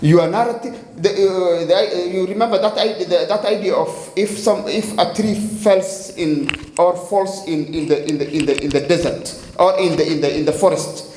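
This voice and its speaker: On an echoey festival stage with faint background noise, a Kenyan poet with a high, slightly mellow voice explains a poem and recites from it. He speaks haltingly, repeating words as he searches for them.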